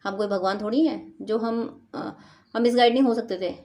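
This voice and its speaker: Woman tarot reader, animated, fairly high voice. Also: brisk. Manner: animated, acts out quoted lines with laughs. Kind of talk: tarot reading monologue.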